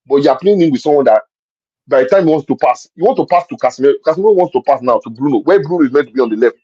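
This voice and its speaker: A man breaks down a football match in casual conversation, pressing each point again and again. His voice is mellow and a little husky, dry, and sits on a muffled lo-fi stream. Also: medium pitch, lively intonation, racing, no room sound. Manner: emphatic, repeats points, explains with examples. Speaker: football pundit. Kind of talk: casual match-review chat.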